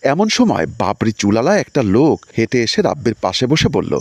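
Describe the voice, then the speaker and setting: A man narrating a dramatic family story in a calm, storytelling manner. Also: medium pitch, brisk, creaky, slightly rough.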